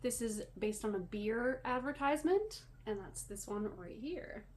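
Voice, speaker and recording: Unhurried and lively, with a fairly high, darkish-toned voice, a Canadian woman chats on her podcast about yarn-dyeing life. She's slightly short of breath and wheezy, prone to rambling, self-deprecating remarks, and clear room noise fills the background.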